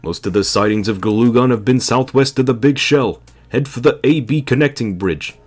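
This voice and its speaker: A British man voicing a nerdy, excitable male hacker sidekick during a game playthrough. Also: medium pitch, moderate pace, pitched above the performer's own voice, natural voice. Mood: fussy.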